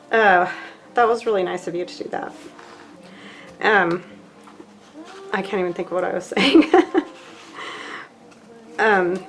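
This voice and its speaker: A woman crafter chats through an unboxing in a slightly low voice. She gushes warmly over each item and thinks out loud as she works with her hands. Her talk is loose and casual, dotted with fillers. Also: low-quality recording. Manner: chatty and gushing, with many fillers; thinks aloud while handling craft supplies. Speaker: craft vlogger.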